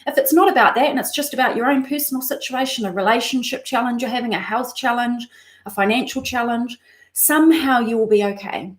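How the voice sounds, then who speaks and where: A woman's voice: on the high side, brisk. Reassuring woman coach in an echoey room. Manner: reassuring, checks in with "okay?". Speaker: mindset coach. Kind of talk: guided breathing live stream. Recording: roomy echo.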